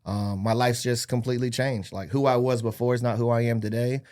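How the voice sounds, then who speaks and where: Born in Hawaii and raised in California and Arizona, a real estate agent in his thirties talks a little fast in a mid-range, darkish voice with fairly even intonation. He is a podcast guest, casually telling his life story in an upbeat, joking way that often turns self-deprecating.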